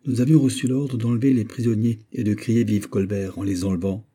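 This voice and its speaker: A man voicing a rough male messenger who reports a failed raid in an urgent, breathless way. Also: lowish voice, fairly even intonation, a little fast, warm tone. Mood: reporting.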